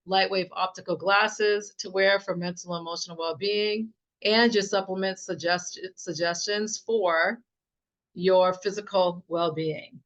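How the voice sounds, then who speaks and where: A woman giving a casual, enthusiastic software demo as a naturopath, with many fillers and restarts and a slightly strained voice. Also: mid-range voice. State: slightly losing her voice. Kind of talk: casual screen-share product demo. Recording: dull, muffled sound.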